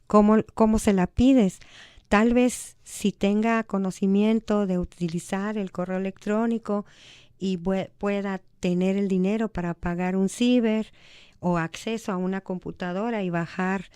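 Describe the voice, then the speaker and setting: A woman's voice: mid-range voice, fairly even intonation, unhurried, dark tone, clear, resonant tone, no echo, studio quality. A woman with a Mexican accent, a human rights advocate speaking earnestly as a guest on a radio talk show. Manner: earnest, conversational, acts out quoted dialogue. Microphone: studio microphone.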